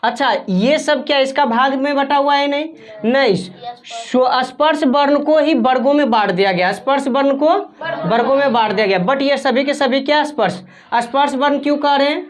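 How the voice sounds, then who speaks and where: High-voiced woman teaching a class. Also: normal speed. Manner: asks the class questions and repeats the answers. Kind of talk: classroom grammar lesson.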